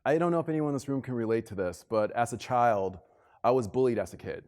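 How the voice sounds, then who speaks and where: An American keynote speaker talks fast in a medium-pitched, darkish voice on stage, delivering a motivational conference talk built on personal stories. He is emphatic yet conversational, repeating phrases for effect into a stage microphone before a room of listeners.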